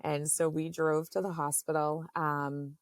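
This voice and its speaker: A woman in her thirties, a podcast guest, telling a personal story in a halting, earnest way with many fillers. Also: low voice, level tone, no room sound, clean studio sound.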